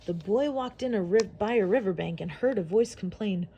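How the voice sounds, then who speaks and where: A woman reading a rhyming picture book aloud for children, with a steady storytelling rhythm. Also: mid-range voice, fairly quick, slight background noise. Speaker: storybook reader.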